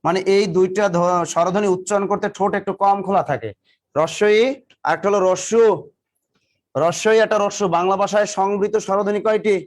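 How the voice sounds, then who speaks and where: In a live classroom lecture, a male exam coaching teacher drills his students by repeating one question again and again before teasing and scolding them. His high-pitched voice moves fast with fairly even intonation.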